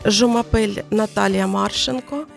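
A woman's voice: mid-range voice, fairly even intonation, unhurried, gravelly, faint music behind. A woman with a Ukrainian accent, a French learner reading her own text aloud carefully and earnestly.

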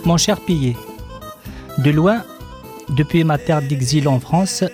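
A man reading a letter aloud in a solemn, measured way. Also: on the high side, over music. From Kabylie.

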